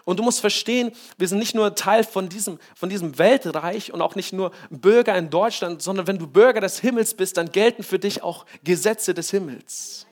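A man's voice: high-pitched, normal speed, hardly any pauses. A male pastor preaching a sermon, emphatic, often checking in with his congregation.

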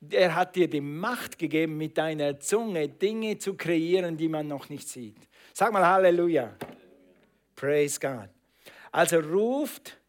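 A man preaching a sermon, stressing and repeating phrases and calling on the congregation to answer back. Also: on the high side. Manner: emphatic, repeats phrases, calls on congregation to respond.

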